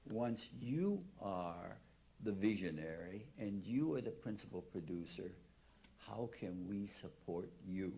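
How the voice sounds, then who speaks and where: A man with a low voice speaking as a conference panelist. He speaks very slowly and deliberately, and frames his points as rhetorical questions. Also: warm tone.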